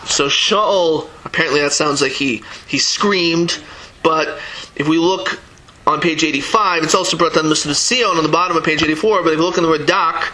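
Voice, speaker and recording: A man with a fairly high, bright voice and a forceful tone teaches a Torah class, studying the text verse by verse. He reads Hebrew verses aloud and then translates and explains them, often halting and restarting. The audio quality is poor.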